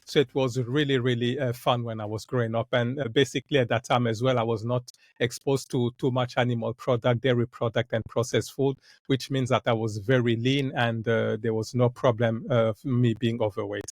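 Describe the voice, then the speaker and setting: Congolese man in a calm interview. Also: medium pitch, fairly quick, hardly any pauses, dry recording, studio quality. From Democratic Republic of Congo. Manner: frequent "uh" and "basically" fillers, earnest. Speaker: guest. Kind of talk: casual interview talk.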